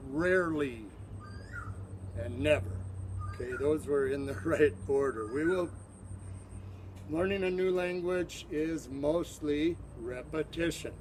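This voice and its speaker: A man's voice: fairly high pitch, a little hiss or hum. A man teaching English to a class, drilling words over and over and exaggerating sounds to model the pronunciation. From from abroad, teaching in Thailand. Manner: slow, repetitive drilling of words.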